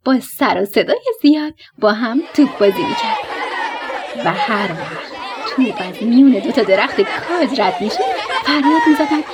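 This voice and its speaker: A woman narrating a bedtime story for children in an animated, playful way. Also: mid-range voice, crowd noise, background noise. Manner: animated, playful, breaking into laughter.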